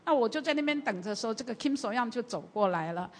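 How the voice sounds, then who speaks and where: A woman pastor telling a story during a church service, animated and full of fillers. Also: on the high side, very fast. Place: church hall. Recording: long hall reverb from a church.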